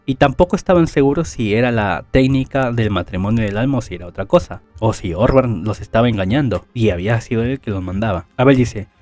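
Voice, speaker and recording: A man narrating an anime plot recap in a casual way, reading out the characters' lines without acting them and adding quick asides. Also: lowish voice, darkish tone, dry recording. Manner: adds casual asides and self-corrections.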